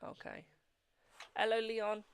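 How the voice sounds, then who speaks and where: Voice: mid-range voice, slow pace, vocal fry, clear, resonant tone. A British fortune teller chatting casually with viewers on a live stream and giving readings, addressing them as darling.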